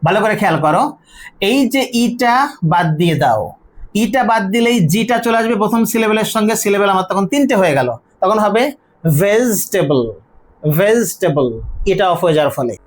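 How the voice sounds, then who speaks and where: A teacher giving a spoken grammar and pronunciation lesson, explaining step by step, asking questions and answering them, and saying model words slowly and drawn out. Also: medium pitch, expressive. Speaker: English teacher.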